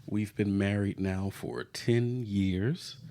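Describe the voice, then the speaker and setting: Low-voiced easygoing male podcast host. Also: steady tone, warm tone. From Florida, US. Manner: easygoing, laughs often, drawn-out pauses. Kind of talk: casual podcast chat.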